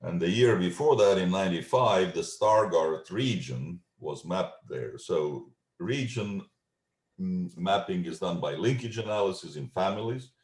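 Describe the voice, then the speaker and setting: A middle-aged man with an Estonian accent giving a scientific talk over a video call, measured and full of ums and uhs. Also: deep voice, expressive, darkish tone. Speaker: genetics researcher giving a talk. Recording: echoey room.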